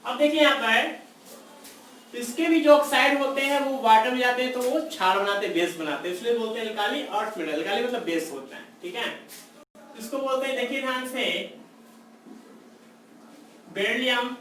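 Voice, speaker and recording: A man teaching chemistry in a classroom lecture, slowly repeating memory tricks and checking in with his students. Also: extremely high pitch, fairly bright tone. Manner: repeats mnemonics slowly, checks in with "theek hai". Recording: far-off echoey room with faint noise.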